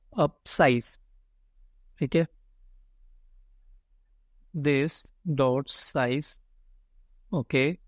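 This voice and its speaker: A man teaching code in a relaxed, chatty way, thinking aloud as he types and often calling his viewers "guys". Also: a little high, no echo. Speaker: coding tutor. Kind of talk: casual screen-recorded coding lesson.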